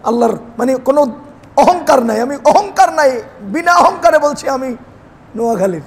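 A man's voice: very high-pitched, expressive, normal speed, big-room sound, a little hiss or hum. A man quoting his old male Quran teacher, who boasts proudly about where he comes from while claiming he has no pride. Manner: boasting, hand on chest.

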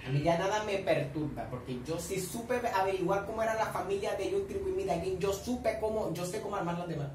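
A young man with a Colombian accent giving casual reaction commentary at home, animated and gossipy, playfully addressing his viewers. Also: high voice, a little fast, few pauses. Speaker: reaction vlogger. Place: at home with family nearby. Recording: echoey room, distant mic, faint noise.

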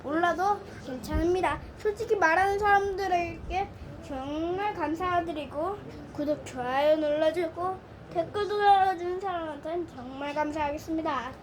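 A woman's voice: extremely high pitch, normal speed, a little hiss or hum. A woman narrating a playful toy video, talking to viewers in a coaxing, sing-song way. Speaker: toy play video host.

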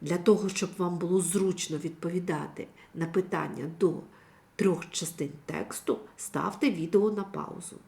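A woman teacher giving a recorded reading lesson for young children, speaking clearly and instructively. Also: lowish voice, darkish tone. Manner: slow, clearly articulated, instructive. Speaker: primary school teacher.

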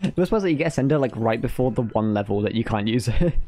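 A man's voice: medium pitch, expressive, rapid-fire, warm tone, faint music behind. A young man in casual banter during a speedrun race, laughing often. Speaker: rival speedrunner. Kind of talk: casual chat while gaming.

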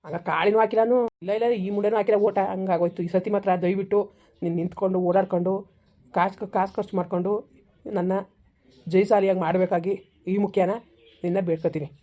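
A woman's voice: mid-range voice, steady tone, mellow, lightly acted. Woman playing a scolding rustic village man. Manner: scolding, fast rustic banter. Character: older village man, scolding, boastful failed candidate. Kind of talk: village comedy skit.

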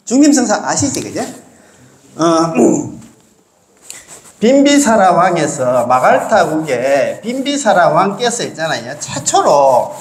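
A Buddhist monk teaches a class in a relaxed, lilting lecture manner, his fairly high voice moving through big pitch swings at a slow pace. He repeatedly asks listeners to agree with him, and the room lends a clear echo.

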